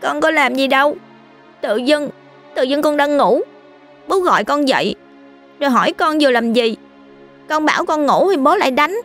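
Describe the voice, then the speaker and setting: A woman's voice: high-pitched, lively intonation, normal speed, long pauses, fairly bright tone, soft background music, pitched above the performer's own voice. A woman doing a whiny little boy. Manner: whiny, pleading childlike voice. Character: small boy, sulky and stubborn.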